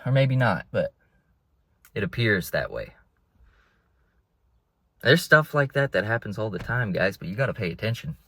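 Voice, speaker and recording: A man's voice: on the low side, big pitch swings, normal speed, long pauses, sharp tone, no room sound. A young man vlogging from inside a car, rambling in a laid-back way and calling his listeners bro. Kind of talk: casual rambling monologue.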